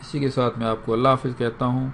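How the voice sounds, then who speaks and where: Pakistani man drilling English phrases slowly. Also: mid-range voice, flat delivery, a bit bright, slight background noise. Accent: Pakistani Urdu. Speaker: English teacher. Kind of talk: spoken language lesson.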